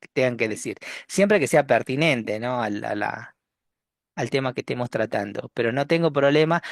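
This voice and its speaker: A man with a Rioplatense Spanish accent teaching a university class over a video call. His voice has a gravelly edge and sounds dry and close. He talks in a relaxed, joking way, restarting phrases and ending them with tag questions. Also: medium pitch, dry recording. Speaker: university lecturer. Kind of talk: online class lecture.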